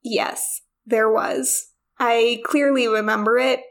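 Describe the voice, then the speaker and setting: A woman co-hosting a podcast in casual chat, with deliberate, mock-indignant teasing. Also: on the high side, steady tone, creaky, fairly bright tone. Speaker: podcast co-host.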